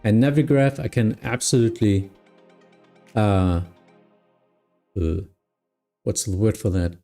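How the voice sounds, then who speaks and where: A man streaming as an air traffic controller, mixing procedural clearances with casual chat. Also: fairly low pitch, lively intonation, slow, warm tone, faint music behind.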